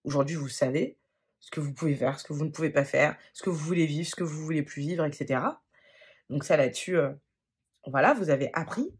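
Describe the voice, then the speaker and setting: A tarot reader talking through a reading in a husky, slightly breathy voice. The delivery is gentle and halting, full of fillers and restarts, pitched in a middle range. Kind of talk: spontaneous card-reading monologue.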